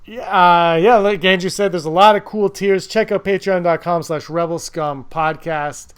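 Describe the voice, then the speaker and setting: A man's voice: sits high, fairly even intonation, normal speed, clean tone. A man hosting a podcast in casual chat, talkative and wryly joking. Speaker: podcast host.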